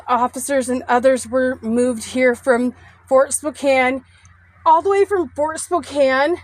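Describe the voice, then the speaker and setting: Breathless high-voiced woman vlogging outdoors. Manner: chatty, addresses viewers directly. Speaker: paranormal vlogger. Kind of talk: casual vlog, reading a sign aloud. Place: outdoors at a cemetery.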